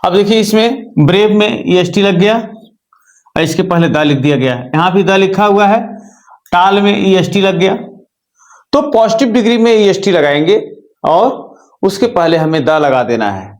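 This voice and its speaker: A man teaches English grammar in a patient classroom style. His voice sits a little high for a man. He repeats each rule several times and keeps checking in with his listeners. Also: expressive, measured pace. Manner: repetitive, checks in with "ठीक है" and rhetorical questions. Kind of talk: classroom lesson explaining grammar.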